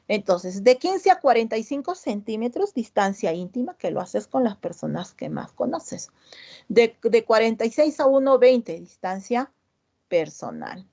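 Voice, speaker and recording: A woman's voice: medium pitch, warm tone, dull audio. A middle-aged woman, teaching an online class and explaining terms step by step while asking her students questions.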